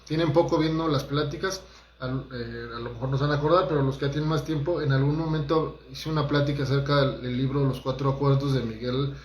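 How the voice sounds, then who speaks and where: Speaking straight to his audience, a holistic therapist delivers a motivational talk in a conversational way, performing the quotes he uses. His voice is medium in pitch and the sound is reverberant.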